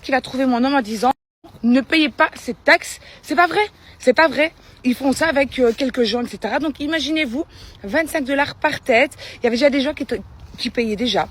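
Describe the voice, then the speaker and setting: A woman's voice: fairly high pitch, slight background noise. A woman vlogger chatting casually and loosely to her followers, with a slight lisp that makes her s sounds slushy.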